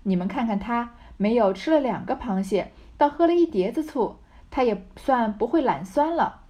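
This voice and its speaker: A woman reading the lines of a sharp-tongued young maid in a mocking, teasing manner. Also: a little high, animated, normal speed, close to an everyday voice.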